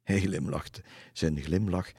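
A man reading a children's story aloud as narrator, calm and measured. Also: sits low, creaky, husky, dry recording, clean studio sound.

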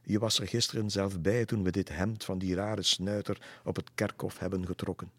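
A man voicing a shrill, teasing village washerwoman in a storybook reading. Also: steady tone, moderate pace, husky, dry recording. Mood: scolding.

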